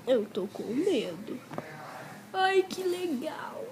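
A woman with a bright, high voice chats playfully to herself and her pet at home. She lingers on her words and bursts into exclamations. The tablet's built-in mic picks up a steady layer of noise. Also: extremely slow. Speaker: vlogger. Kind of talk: playful self-filming chat. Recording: noisy home tablet recording.

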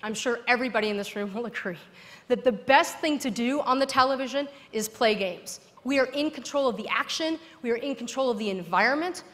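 A woman's voice: on the high side, fairly quick, fairly bright tone. A woman in her thirties giving a persuasive conference keynote on a large stage, speaking emphatically with rhetorical repetition. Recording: long hall reverb.

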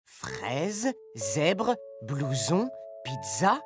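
A puzzled cartoon girl hunting for her missing things. Her voice sits low and swings widely, and she talks slowly. Clear music plays behind her. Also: very animated, heavily acted. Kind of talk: educational cartoon voice acting.

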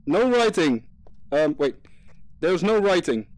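Streamer, male, slightly high voice, casual, jumpy, swears and laughs. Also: sing-song, slow pace, a little mellow, dry recording. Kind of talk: casual gaming chat with a teammate.

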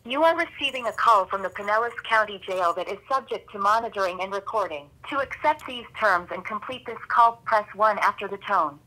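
A woman's voice: medium pitch, brisk, hardly any pauses, a little hiss or hum. A woman's recorded, formal announcement playing over a prison phone line. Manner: flat, formal, scripted. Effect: recorded message heard over a prison phone line. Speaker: automated jail phone announcement.

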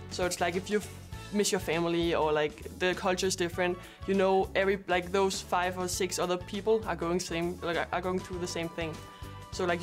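A woman basketball player chatting in an interview, with many fillers. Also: on the low side. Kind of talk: casual interview.

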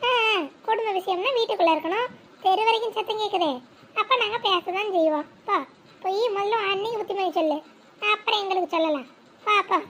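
Woman playing a shrill gossiping neighbour. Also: a little fast, fairly bright tone, slight background noise. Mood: gossipy. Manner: gossipy, mocking.

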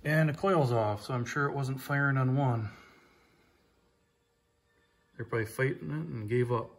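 Filming on a handheld phone, a man walks around the old snowmobile he's restoring in his garage workshop and rambles casually about it. He talks at a moderate pace in a mid-range voice, plain-spoken and prone to saying "like I say."

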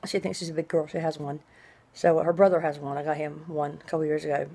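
A middle-aged woman with a low-pitched voice talks casually, as if updating a video diary. Her s sounds are drawn out and hissy, and her delivery rambles along in a conversational way. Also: level tone, fast talker, creaky, dark tone. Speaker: vlogger. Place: small indoor room at home.

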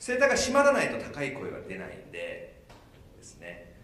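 A man's voice: medium pitch, wildly swooping pitch, normal speed, fairly bright tone. A man from Kumamoto, a vocal coach explaining and demonstrating singing sounds live on stage at a dinner show. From Kumamoto, Kyushu, Japan. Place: hotel banquet hall. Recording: echoey banquet hall.

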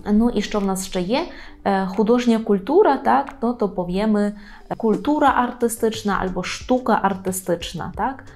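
Woman teaching with slow, careful repetition. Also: medium pitch, darkish tone, soft background music. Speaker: language teacher. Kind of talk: online language lesson.

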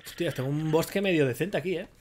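A man's voice: fairly high pitch, quick pace, a little mellow, slight background noise. Chatty Spanish man streaming a game. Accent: Spain Spanish. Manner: chatty, slangy, talks to viewers while playing. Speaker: streamer playing a ranked strategy game. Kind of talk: casual live gameplay commentary.

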